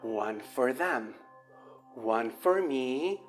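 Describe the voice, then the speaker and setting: A woman voicing a dreamy, hot-tempered teenage girl witch in an audiobook, excitable and sarcastic. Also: rumbling low, soft background music, full character voice. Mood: chanting. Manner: excitable and sarcastic, shifting to slow chanting for spells.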